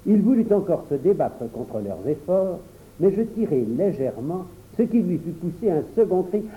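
A man reading a children's story aloud, expressive storytelling. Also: high voice, moderate pace, phone-quality sound, slight background noise. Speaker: narrator.

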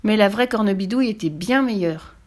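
A woman voicing a cheeky, stubborn little boy in a storybook reading, whiny and excitable. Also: medium pitch, a little fast, lightly acted. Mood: cheeky, excited.

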